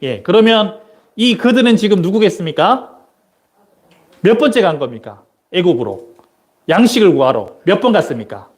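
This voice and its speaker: A man delivers an interactive Sunday sermon in a church. His voice sits high and swings widely in pitch. He quizzes the listeners, then answers his own questions on the microphone. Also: very animated, moderate pace, pauses often, husky. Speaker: missionary preaching. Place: church sanctuary during a service.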